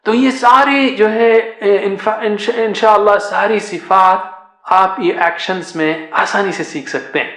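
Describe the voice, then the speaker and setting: A man's voice: high-pitched, steady tone, a bit bright. A man teaching Quran recitation, explaining patiently and chanting letter sounds in a sing-song rhythm. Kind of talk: teaching lesson with chanted drills. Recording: echoey room.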